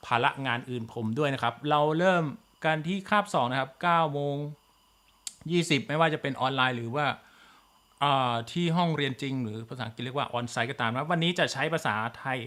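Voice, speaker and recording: A man's voice: mid-range voice, a bit bright. A man with a Thai accent teaching an online physics class, full of fillers and polite particles. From Thailand. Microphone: computer mic in video class.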